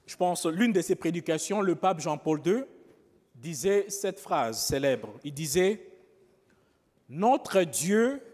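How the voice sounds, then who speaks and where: A man, a priest, preaching a homily in a slow, pausing way, often adding rhetorical asides to the congregation. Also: high voice, a little mellow, in a large hall. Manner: slow, pausing, with frequent rhetorical "n'est-ce pas".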